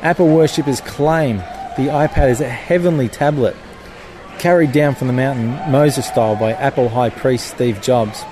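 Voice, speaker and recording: With a music bed under his voice and crowd noise plus other background sound around him, a man narrates his own scripted satirical column. His delivery is wry and mock-solemn, styled like scripture, in a mid-range voice at a moderate pace.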